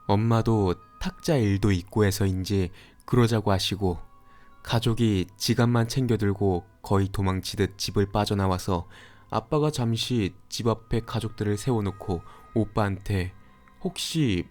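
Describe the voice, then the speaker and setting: A man calmly narrating a scary story for a horror radio show. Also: fairly low pitch. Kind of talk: scripted horror story reading.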